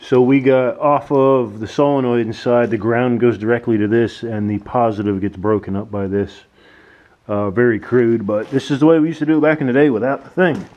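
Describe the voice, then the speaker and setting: Casting: man, informal DIY car builder thinking aloud in a workshop, mid-pitched voice, lo-fi noisy sound. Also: fairly quick. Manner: informal, thinking aloud while working with his hands. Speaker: DIY car builder presenting his project. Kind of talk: casual hands-on how-to commentary. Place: workshop at a workbench and beside a truck. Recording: dull lo-fi audio with clear noise.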